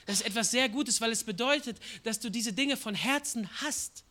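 A male preacher with a bright, forceful tone that cuts through. He delivers the sermon with great passion, dropping to hushed words and then rising to loud outbursts. He acts out quoted prayers and voices as he goes. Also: very high-pitched, moderate pace. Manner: impassioned, swings from hushed to shouting.

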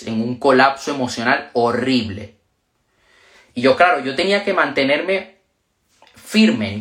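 A man's voice: medium pitch, a bit bright. Male livestreamer, mid-range voice, emotional storytelling, echoey room. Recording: roomy echo.

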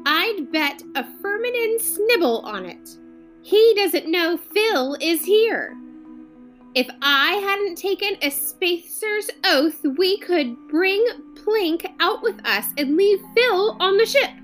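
A woman voicing an excitable male spaceship captain in a storybook reading, with a high, strained voice. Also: takes it slowly, soft background music, heavily acted. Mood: urgent. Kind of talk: audiobook character voice.

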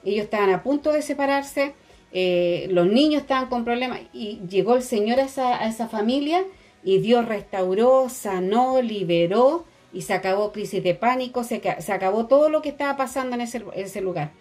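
A woman's voice: on the high side, normal speed, a little mellow. Woman telling a testimony. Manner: storytelling, hesitant with fillers. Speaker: radio co-host.

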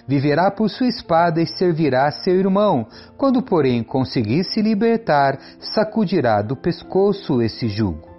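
A man reading the lines of an aged blind father giving a solemn, measured blessing, in a lively, fairly high voice over faint music. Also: lo-fi sound.

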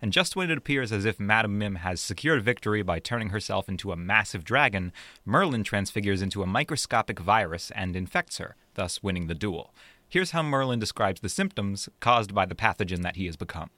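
A man's voice: on the low side, lively intonation, fairly quick, pushed and bright, no echo. A man co-hosting a podcast with scripted narration and dry, teasing banter. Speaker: podcast co-host.

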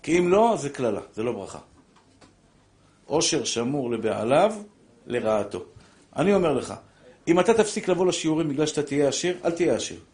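Older man, rabbi giving a sermon, fairly high voice, heated and direct. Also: pauses often. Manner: animated preaching, addresses listeners as brothers. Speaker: rabbi giving a Torah class.

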